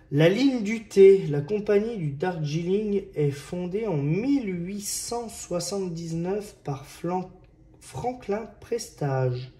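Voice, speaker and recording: Man hobbyist, slightly high voice, slow and halting, chatty walkthrough of kit parts. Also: mellow. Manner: hesitant, many fillers and restarts, chatty. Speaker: scale model hobbyist presenting kit issues. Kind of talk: casual hobby video narration.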